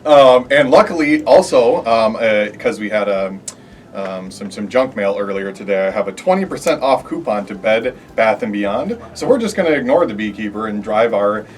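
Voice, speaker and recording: A man's voice: on the low side, animated, moderate pace, recorded from a distance. A man playing a tabletop game, improvising and chatting casually. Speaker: game player.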